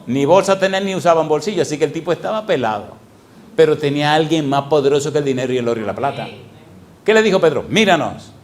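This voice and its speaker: Middle-aged male pastor, a bit high-pitched, animated sermon delivery with call-and-response questions. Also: quick pace. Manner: animated, asks the congregation repeated questions. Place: church sanctuary.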